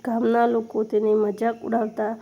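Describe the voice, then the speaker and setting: A woman narrating a devotional story from a script in a steady, reverent tone. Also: on the high side, normal speed, narrow, tinny audio, slight background noise.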